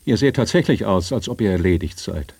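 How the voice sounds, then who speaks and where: A man's voice: lowish voice, expressive, fairly quick, gravelly, darkish tone, husky, no room sound, heavily acted. A man voicing a brave young forester's daughter, speaking firmly and plainly. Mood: resolute. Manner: firm, plain-spoken.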